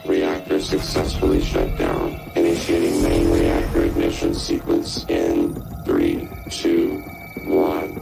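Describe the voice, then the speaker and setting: A man voicing a male space-station computer AI, his voice run through a metallic synthetic filter and giving flat, clipped system announcements in a video game. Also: extremely low pitch, slow pace, gravelly, long pauses, faint music behind, exaggerated voice, poor audio. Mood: calm.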